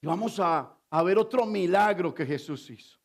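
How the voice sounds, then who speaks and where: A man's voice: high-pitched, expressive, moderate pace. A male pastor preaching a sermon with emphasis, asking the congregation questions as he goes.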